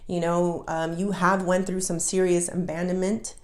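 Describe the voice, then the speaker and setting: A woman with a fairly low voice talks straight to her viewer through a casual tarot reading, heartfelt and openly emotional. Her voice rings with the echo of a roomy space. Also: little pitch movement, moderate pace. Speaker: tarot reader.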